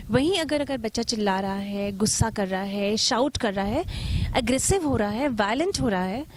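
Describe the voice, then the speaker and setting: A woman in her thirties teaches parents in a patient, explaining tone. She often asks questions of the listener as she talks, and her voice sits a little high. A faint hiss of noise runs under the recording. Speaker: kindergarten teacher giving parenting tips. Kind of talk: talk-to-camera parenting lesson.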